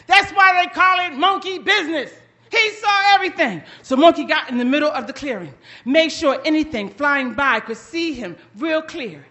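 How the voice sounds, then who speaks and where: A woman storyteller telling a folktale to children with high energy and drama, stopping often to quiz her young listeners. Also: animated, normal speed, pushed and bright, muffled recording.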